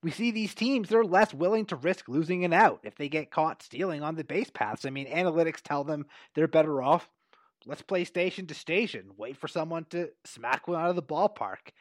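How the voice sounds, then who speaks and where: A man hosting sports talk in an upbeat, energetic way, his voice a touch higher than usual for a man. The recording is dry and close, with no room sound. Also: normal speed, dry recording. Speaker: host.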